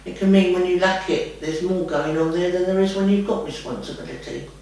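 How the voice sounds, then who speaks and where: A woman with a fairly low, steady, slightly mellow voice speaks a little fast as a trance medium, answering questions in a homely, rambling way and calling the listener "lovey." It's a casual spiritual guidance session, recorded far from the mic in a very echoey room.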